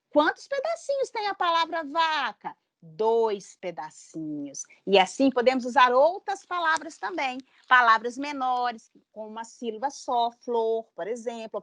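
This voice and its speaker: A woman educator with a high, bright voice talks parents through learning games in a patient, explanatory way. She checks in with a questioning tag and slowly sounds out words syllable by syllable. The sound is dry and close. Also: no echo. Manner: patient, tags sentences with "né?", spells out syllables slowly.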